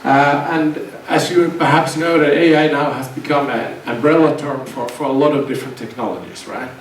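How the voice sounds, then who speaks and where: A middle-aged Finnish man whose first language is Swedish gives a seminar talk to students as a guest university lecturer, his voice pitched fairly high. He speaks hesitantly, restarting often and repeating words. The recording comes from an echoey hall through a distant mic, with faint hiss in the background.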